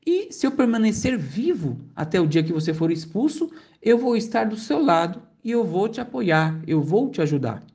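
A woman voicing an elderly blind male scholar who speaks slowly and solemnly, with a mellow tone. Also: mid-range voice, sing-song.

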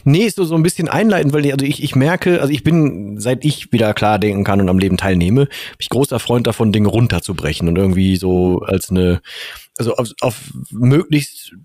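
A man's voice: fairly low pitch, brisk, darkish tone, dry recording. Male interviewer, rambling questions, dry close mic. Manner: rambling, searching questions with restarts. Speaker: podcast interviewer. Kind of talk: casual conversational interview.

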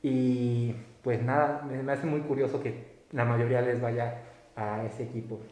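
A man's voice: medium pitch, little pitch movement, unhurried, a little mellow. A young man hosting a casual interview, asking chatty, rambling questions. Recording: roomy echo.

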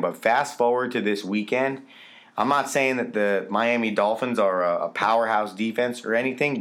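A man's voice: fairly low pitch, a bit bright. A man co-hosting a sports podcast, talking casually and emphatically, often repeating words for stress. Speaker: podcast co-host.

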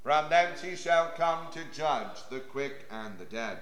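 A man leading a church service, reciting the liturgy in a brisk, steady way, his voice carrying through cathedral echo. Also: on the high side. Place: large church. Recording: roomy cathedral echo, faint organ music.

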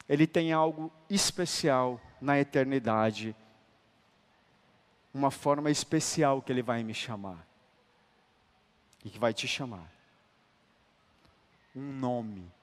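A man preaching a sermon, emphatic and colloquial, moving between loud declarations and hushed, tender lines and calling listeners brother. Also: mid-range voice, takes it slowly, pauses often. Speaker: apostle preaching. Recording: long hall reverb.

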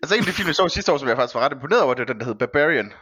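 A man's voice: mid-range voice, expressive, pushed and bright, slightly rough, no echo, studio quality. A man speaking as a podcast guest in casual conversation, phrasing things with some hesitation and thought. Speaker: podcast guest, film and series reviewer.

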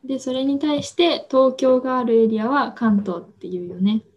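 A woman with a fairly high voice co-hosts a relaxed podcast from her home. She explains word meanings patiently, one everyday example at a time. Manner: gentle, explains slowly with examples. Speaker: podcast co-host. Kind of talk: casual chat explaining Japanese words.

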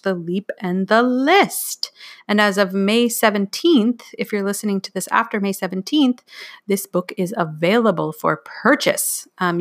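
A woman's voice: medium pitch, a bit bright. A woman who is an author and podcast co-host, reading from her book and then wrapping up casually with fillers.

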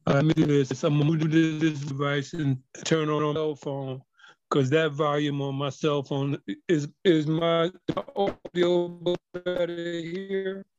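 A man with a fairly high voice talks slowly and haltingly, stumbling over fillers on a live online call. His audio is dull and lo-fi and keeps breaking up. Faint guitar music plays underneath. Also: level tone, darkish tone. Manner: halting, hesitant, many fillers. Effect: choppy, breaking-up online call audio. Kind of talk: live online video-call talk show.

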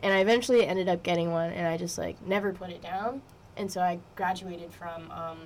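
A woman's voice: fairly low pitch, fairly even intonation, a little fast. Young woman guest, chatty and giggly, slight noise behind. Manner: giggly, rambling, many fillers. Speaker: musician guest. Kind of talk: casual interview chat. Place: college radio studio. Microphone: studio microphone.

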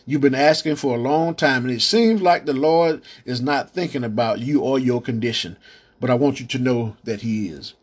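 Husky preacher man, amen after amen. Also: medium pitch. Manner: call-and-response preaching, repeated amens, stammering restarts. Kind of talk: podcast sermon.

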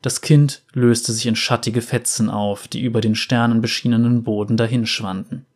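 A man reading a dark fantasy story aloud in a measured, dramatic way. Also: mid-range voice, flat delivery. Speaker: narrator.

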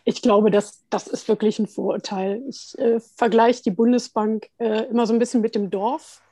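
A woman guest talks through her answers in a relaxed, chatty way, pausing often and laughing lightly. Her voice sits a little high for a woman and is recorded dry and close. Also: no room sound. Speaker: guest, head of continuing education at a central bank. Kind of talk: relaxed conversational interview answers.

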